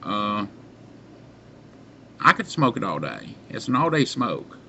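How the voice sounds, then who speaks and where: A middle-aged man chatting casually to camera as a reviewer, halting and pausing often, recorded on a webcam mic in a small room. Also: fairly low pitch, very animated, creaky, bright, forceful tone. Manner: halting, unhurried delivery with long pauses. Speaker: pipe tobacco reviewer. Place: small dim room indoors. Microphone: webcam or computer mic at arm's length. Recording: muffled webcam sound with background noise.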